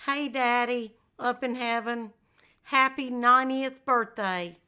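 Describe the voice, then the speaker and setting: Slow, bright-voiced older woman. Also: fairly high pitch, fairly even intonation, clear, resonant tone. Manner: slow, tender and heartfelt. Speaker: interviewee. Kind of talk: interview, repeated takes.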